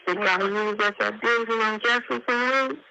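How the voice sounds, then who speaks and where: A woman talking haltingly, with many fillers, on a prison phone call. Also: fairly high pitch, vocal fry. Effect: prison phone line. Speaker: caller on a jail call. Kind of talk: casual phone talk. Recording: muffled, noisy jail phone line.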